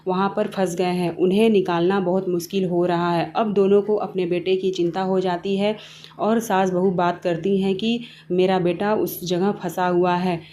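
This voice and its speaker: A woman's voice: on the low side, level tone, moderate pace, dark tone, a little hiss or hum. A woman narrating a family moral story in a plain, simple storytelling way.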